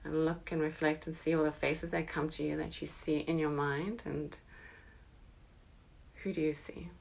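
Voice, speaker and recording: A woman leads a slow guided meditation, her voice low and gravelly. She keeps her pitch even and soothing, often sinking into a breathy whisper.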